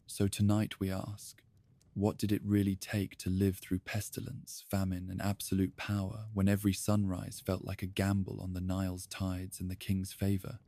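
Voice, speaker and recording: A man with a deep voice tells a bedtime history story, speaking calmly, softly, and evenly while addressing the listener as "you." There's no echo in the recording.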